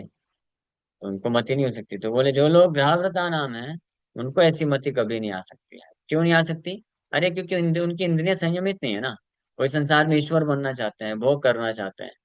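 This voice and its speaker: Male devotional lecturer, middle pitch, dry close recording; slow verse reading and long explanation. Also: no echo. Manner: reads verses slowly, then explains them at length; chants Sanskrit verses. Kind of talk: scripture class sermon.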